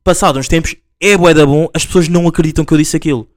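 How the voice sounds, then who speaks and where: Young man, European Portuguese accent, rambling podcast chat, smooth clear tone, dry close sound. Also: fairly high pitch, fairly even intonation, fast, no echo. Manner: rambling, heavy with "tipo" fillers and restarts. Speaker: podcast host. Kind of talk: casual solo podcast chat.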